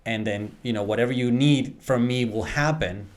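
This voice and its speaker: A man in a relaxed interview, from Venezuela with Spanish as his first language. He sits at a middle pitch for a man and speaks with an earnest, explaining manner, circling back and repeating words as he thinks. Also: normal speed. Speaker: real estate agent, podcast guest. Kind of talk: casual interview chat.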